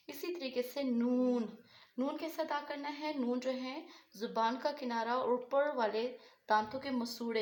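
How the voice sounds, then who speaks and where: A woman's voice: fairly high pitch, roomy sound. A woman teaching Quran pronunciation, who asks herself questions and answers them as she explains each letter. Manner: repeats her own questions and answers them. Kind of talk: explanatory tajweed lesson.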